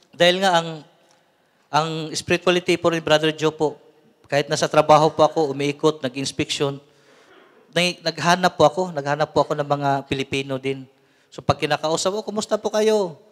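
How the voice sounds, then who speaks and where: Filipino man preaching in a reverberant hall. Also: fairly high pitch. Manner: mixes English into talk, frequent "no?" tag questions. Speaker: lay preacher. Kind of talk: conversational healing sermon.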